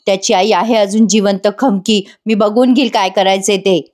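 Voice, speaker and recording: A woman's voice: medium pitch, steady tone, normal speed, a little mellow, natural voice. A woman voicing a haughty rich mother-in-law who scolds harshly in a TV serial recap. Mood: scolding.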